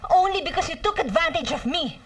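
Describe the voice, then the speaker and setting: A woman's voice: very high-pitched, lively intonation, a little fast, distant mic. A bitter scolding single mother. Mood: cold. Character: proud single mother, businesswoman, sharp-tongued. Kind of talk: film drama dialogue.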